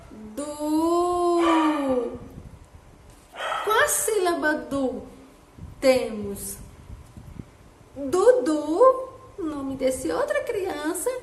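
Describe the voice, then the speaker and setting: A woman teacher giving a children's phonics lesson, sounding out each syllable slowly in a sing-song way. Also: high voice. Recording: echoey room with faint background noise.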